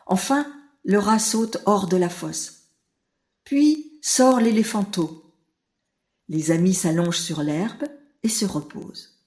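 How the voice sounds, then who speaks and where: A woman narrating a children's audiobook in a clear storytelling manner. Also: on the low side, a little mellow.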